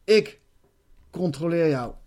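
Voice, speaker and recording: Brief: man doing a domineering evil octopus, slow, high and forceful. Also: lively intonation. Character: sly evil entity octopus, domineering, male.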